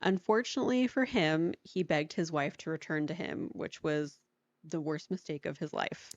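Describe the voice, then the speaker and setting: A woman's voice: deep voice, moderate pace, dry recording. A woman co-hosting a podcast, telling a story in a casual, chatty way with lots of "like" and frequent laughter. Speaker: podcast co-host. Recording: dry, dull lo-fi sound.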